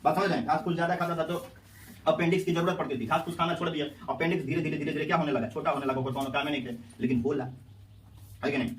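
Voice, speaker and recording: Fast-talking male teacher. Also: fairly high pitch, steady tone, a little hiss or hum. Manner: quizzing students with repeated questions. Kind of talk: classroom lecture with call-and-response. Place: classroom. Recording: echoey classroom, mic at a distance.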